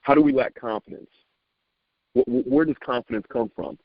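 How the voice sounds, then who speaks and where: A man giving a motivational talk to a sales team, animated and preacherly, repeating phrases and stumbling over words when he gets excited. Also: medium pitch, fairly quick, vocal fry, no room sound, highs cut off.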